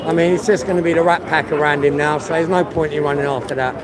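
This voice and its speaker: Outdoors on a busy city street, a livestreamer chats casually with viewers, greeting them by name and swearing often, over loud crowd noise. His voice is fairly high, steady in tone, and quick.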